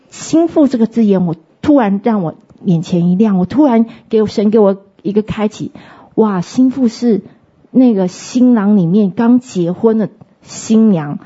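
A woman minister telling her personal faith testimony in an earnest, halting way, often restarting her sentences. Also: medium pitch, mellow, husky, muffled recording.

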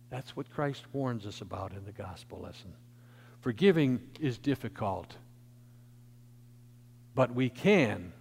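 Male pastor, emphatic sermon, lively pitch, long echo of a church sanctuary. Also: vocal fry, breathy edge. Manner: emphatic preaching that swells in volume, then drops to soft.

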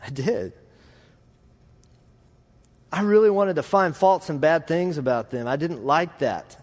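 Speaking at a measured pace in a fairly high voice, this preacher from rural Texas has a noticeable drawl. He delivers a conversational, anecdotal sermon in a folksy, rambling, self-deprecating manner to a congregation, and the large room gives the recording a reverberant quality.

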